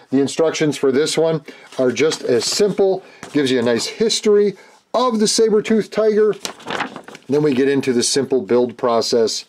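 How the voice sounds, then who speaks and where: Male hobby host, mid-pitched, casual and jokey with a deadpan streak, talking through a kit build in his workshop. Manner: playful, deadpan jokes.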